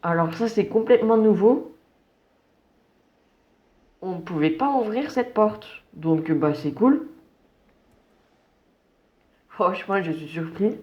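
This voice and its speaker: A man's voice: high voice, takes it slowly, long pauses, highs cut off. A man giving casual, slangy running commentary on a game as he plays. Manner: relaxed, slangy, chatty. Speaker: gameplay commentator.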